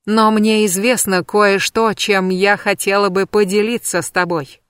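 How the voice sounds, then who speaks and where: A woman voicing a vengeful witch who chants a dark prophecy in a slow, hissing, menacing way. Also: mid-range voice, level tone, smooth, dry recording, studio quality, lightly acted.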